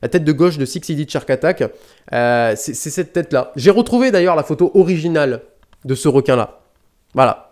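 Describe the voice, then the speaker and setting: A man's voice: fairly high pitch, animated, brisk, darkish tone. Chatty, rambling man. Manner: rambling, chatty, swears casually, self-corrects often. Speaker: YouTube DVD collector host. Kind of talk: casual unboxing vlog. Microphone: desk mic close up.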